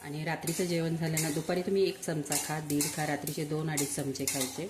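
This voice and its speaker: Soft-spoken low-voiced woman cooking at home. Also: level tone, a little fast, background noise. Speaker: home cooking channel host. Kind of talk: casual home-cooking vlog talk. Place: home kitchen. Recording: clattering pots and sizzling behind voice.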